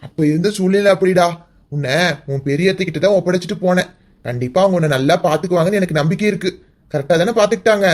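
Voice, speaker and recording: Guy doing a soft-hearted middle-aged uncle in a cartoon, high-ish voice, teary and loving. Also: fast, lightly acted. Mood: affectionate. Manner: heartfelt, tearful, fond. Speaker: uncle and father. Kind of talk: cartoon voice acting.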